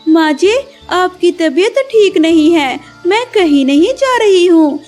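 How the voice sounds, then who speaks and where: A woman voicing a gentle, humble young wife bird in a cartoon, speaking politely and caringly. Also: very high voice, expressive, slow pace, faint music behind, heavily acted.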